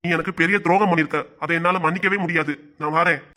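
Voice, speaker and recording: A man's voice: fairly high pitch, fairly even intonation, fast, bright, forceful tone. A man voicing an elderly, stubborn and unforgiving father with a Kanyakumari Tamil accent, in a cartoon. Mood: stern. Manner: stern, reproachful.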